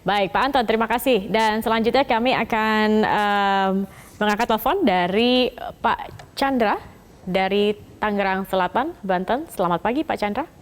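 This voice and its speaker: A woman's voice: mid-range voice, moderate pace, big-room sound. A woman hosting a live phone-in, politely acknowledging callers and introducing the next one. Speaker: television talk show host.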